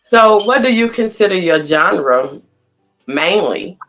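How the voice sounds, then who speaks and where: A woman's voice: lowish voice, animated, slow pace, a bit bright. A woman hosting an interview, talking in a casual, playful and teasing way. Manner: playful, teasing, direct questions. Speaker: host. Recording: slightly muffled sound with faint music.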